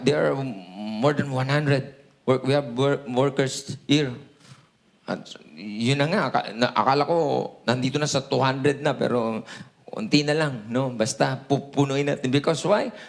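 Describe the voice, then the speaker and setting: Middle-aged Filipino male pastor, Taglish preaching, high gravelly voice, call-and-response. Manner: peppers lines with "no?" and "hallelujah", call-and-response. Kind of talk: Taglish sermon.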